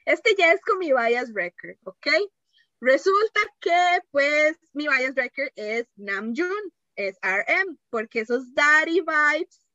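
Bright-voiced Costa Rican woman, dry recording. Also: high-pitched, lively intonation, takes it slowly, dry recording, dull audio. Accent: Costa Rican Spanish. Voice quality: chatty, rambling, mixes in English. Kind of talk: casual chat, recounting dreams.

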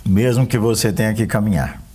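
A man's voice: lowish voice, a little fast, a little mellow. A man, a pastor speaking earnestly about grief and speaking directly to listeners. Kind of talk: conversation on faith and grief.

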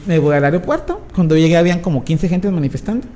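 A man telling a story in an animated, casual way, acting out the voices he quotes. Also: a little high, fast. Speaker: guest.

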